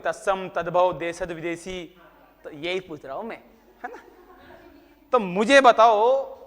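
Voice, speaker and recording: Guy teacher lecturing a class, kinda high voice, teases the kids, answers his own questions, reverb in the room. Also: a bit bright. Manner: teasing, talks to students by name; asks questions and answers them himself.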